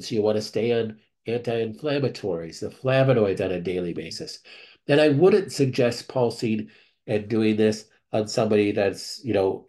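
Over a screen-share video call, a clinic doctor reads out member questions and answers them in a measured way, thinking aloud and restarting as he goes. He has a lowish voice with a dark tone.

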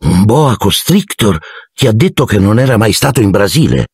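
A man's voice: fairly low pitch, very animated, moderate pace, a little mellow, husky, no room sound, clean studio sound, voice pushed up, full character voice. A man voicing an anxious twelve-year-old boy, the hero's friend, urgent and alarmed, for an audiobook.

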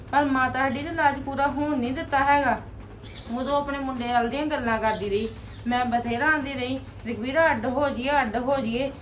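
Brief: actress as a blunt complaining sister-in-law, high voice, faint noise under it. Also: female voice, natural voice. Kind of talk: Punjabi web drama acting.

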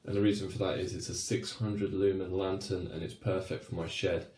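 A cycling light reviewer in his thirties casually reviews a camping lantern, first in a small wooden shed and then in a home room. His voice sits low, flat and a little mellow, fairly quick, and he rambles chattily with fillers and restarts in an echoey space.

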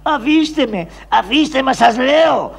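A man voicing Karagiozis, a cheeky, forgetful poor man from traditional shadow-puppet theatre, with a high, whining, stammering voice. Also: expressive, creaky, exaggerated voice. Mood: panicked protesting.

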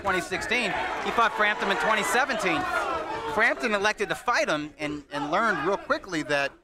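A man's voice: high voice, lively intonation, normal speed. Male boxing analyst over crowd noise. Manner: conversational, explanatory. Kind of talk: unscripted colour commentary. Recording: live event with crowd noise behind.

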